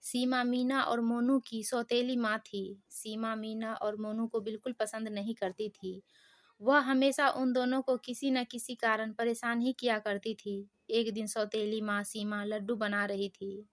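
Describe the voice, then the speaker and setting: A woman narrating a moral storybook tale in a steady, scripted way. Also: on the high side, unhurried.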